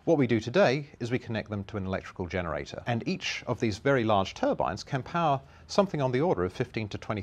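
A man in his thirties speaking as an academic, explaining things in a measured, articulate way to camera. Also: fairly low pitch. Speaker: academic engineering professor. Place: small office or meeting room indoors. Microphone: clip-on lapel mic.

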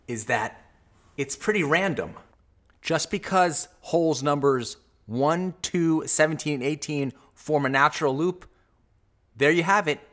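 A man in his forties hosting an opinionated commentary vlog from a small home office, talking close into a boom mic in a sarcastic, argumentative way. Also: fairly bright tone. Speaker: host. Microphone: studio mic on boom, close.

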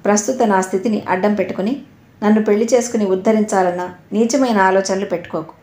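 A woman's voice: medium pitch, steady tone, fast, lightly acted. A woman voicing a fierce, indignant young woman. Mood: angry. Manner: sharp, indignant. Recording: roomy echo.

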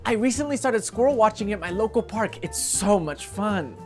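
Excitable high-voiced young man joking around. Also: moderate pace, soft background music. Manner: excitable, teasing, comically overemotional. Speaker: sketch comedy actor. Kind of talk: comedic sketch banter.

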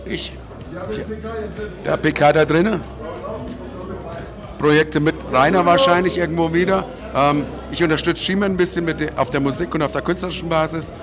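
A man's voice: fairly high pitch, fairly even intonation, normal speed, pauses often. A middle-aged man giving casual interview answers into a handheld microphone at an event. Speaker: ring announcer interviewed. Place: indoor boxing hall, at a sponsor wall. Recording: music behind the voice. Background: music.

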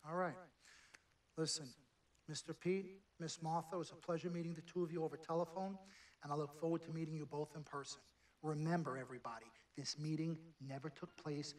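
An actor playing a smooth, confident male sports agent in a video game cutscene, talking in a persuasive, conspiratorial way. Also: a little high, fairly even intonation, normal speed, lightly acted. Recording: distant voice from game audio.

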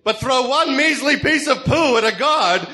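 A manic clown supervillain for a comic-book radio play. The voice is extremely high and sharp, swinging wildly up and down. The delivery is cackling, theatrical and gleefully mocking. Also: male voice, lively intonation, moderate pace, heavily acted. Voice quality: shrill, cackling.

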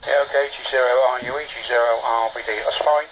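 A man's voice: medium pitch, fairly even intonation, fairly quick. A man making a ham radio call, heard over a radio receiver, talking unhurriedly with hesitations and spelling out call signs. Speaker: amateur radio operator. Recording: muffled, hissy radio receiver audio.

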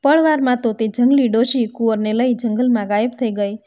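A woman narrating a folk tale in a steady, read-aloud storytelling manner. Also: on the high side, fairly quick, dull audio.

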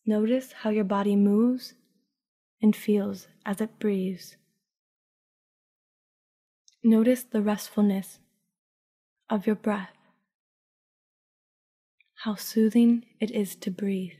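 In a mid-range voice, a woman narrates a guided sleep meditation the way one would tell a sleep story. Her delivery is calm, soft and leisurely with breathy phrase endings, and each line is followed by a long reverberant tail.

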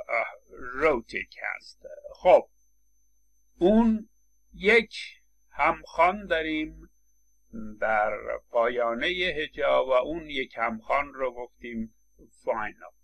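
A man's voice: mid-range voice, sharp tone. A man lecturing on English phonetics, explaining step by step with frequent hesitation fillers. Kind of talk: university lecture.

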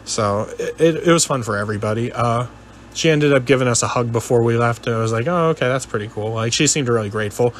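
A man of medium pitch talks fast with fairly even intonation, slight background noise in the clip. Narrating a gaming video, he tells a personal story in a casual, rambling way, hesitating often, repeating himself, and quoting dialogue.

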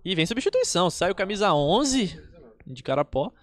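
Animated Brazilian male football commentator. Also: high-pitched, normal speed, dry recording. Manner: informal, colloquial. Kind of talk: live football match commentary.

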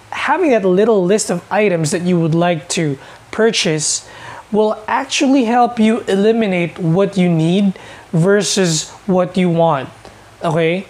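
A man's voice: high voice, darkish tone. A man in his thirties with a Filipino accent, talking earnestly to the camera as a personal finance vlogger and often checking in with "okay?". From Philippines. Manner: gestures with his hands while talking. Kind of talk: talking to camera, mixing English and Tagalog. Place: small indoor room, seated in front of a couch.

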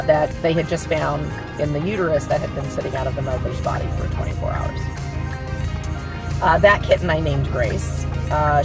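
A woman's voice: on the low side, poor audio. Chatty woman vlogging while driving. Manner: chatty, rambling, frequent "uh" fillers and restarts. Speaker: kitten rescuer and vlogger. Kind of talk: casual vlog update while driving. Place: inside a car, driving. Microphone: phone camera mounted on the dashboard.

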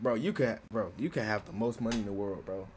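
A young man streaming from his bedroom, reacting to a video and joking loudly with his chat. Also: lowish voice, fast talker, slight background noise. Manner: loud, joking, talks to chat. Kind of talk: casual live-stream commentary. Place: small bedroom at home.

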